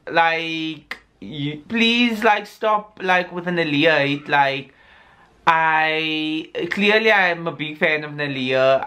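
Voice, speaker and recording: A man's voice: fairly high pitch, pushed and bright. A young man from Africa, ranting casually and sassily to his vlog audience, full of "like" fillers. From South Africa. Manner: sassy, rambling, heavy on "like" fillers. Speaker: YouTuber.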